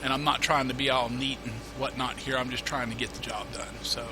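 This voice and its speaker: Fairly quick and medium-pitched, a man with a mid-range voice rambles through a farming game tutorial, restarting himself and dropping plenty of "uh"s. He sniffles now and then from a cold. His home desk mic adds a steady hiss to this casual let's-play commentary from a gameplay tutorial host.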